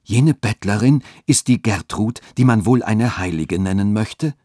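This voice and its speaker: A man's voice: on the low side, animated, a little slow, warm tone, no room sound, clean studio sound. A man reading a radio story, voicing a respected canon who questions in shock and disbelief. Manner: incredulous questioning.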